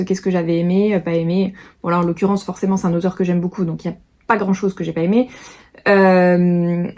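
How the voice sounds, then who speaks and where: A woman records a casual book vlog in a warm, darker voice. Her talk rambles and she hesitates often, picking her words as she goes. The tone stays easy and conversational. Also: mid-range voice. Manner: chatty, rambling, many hesitations. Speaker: book vlogger. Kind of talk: casual vlog chat to camera.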